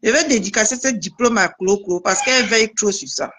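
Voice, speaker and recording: A woman's voice: mid-range voice, brisk, fairly bright tone. A woman vlogger, chatting casually and teasingly to her viewers. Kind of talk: casual live video chat.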